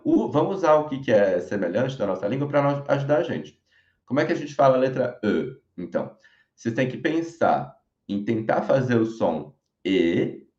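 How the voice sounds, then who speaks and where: A Brazilian man teaching French in an online lesson, speaking clearly and modelling each sound slowly so learners can repeat it. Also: mid-range voice, a little mellow. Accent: Brazilian Portuguese. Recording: roomy, dull lo-fi recording.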